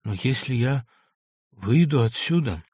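A man's voice: mid-range voice, expressive, a little slow, darkish tone, husky, no echo, clean studio sound. A man voicing a shaken middle-aged doctor in an audiobook, pleading in a trembling voice. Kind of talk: audiobook reading.

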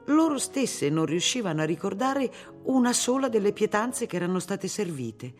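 A reader giving a measured, even narration of a literary novel for an audiobook. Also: mid-range voice.

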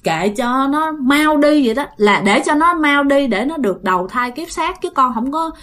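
A woman's voice: expressive, moderate pace, fairly bright tone. A woman doing a frantic pleading old woman. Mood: sorrowful. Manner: pleading, flustered, high-pitched. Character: poor old woman pleading before the underworld judge.

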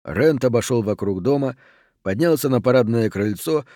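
A man narrating an audiobook in an even, unhurried reading voice. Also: medium pitch, no echo, studio quality.

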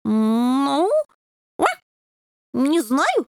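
A woman's voice: lively intonation, very slow, gravelly, a little mellow, dry recording, clean studio sound, soft background music, full character voice. A woman voicing a young male fox terrier puppy who dreams of knighthood, pompous and chivalrous, always saying "oh". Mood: thoughtful. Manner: high-pitched, peppers speech with "oh".

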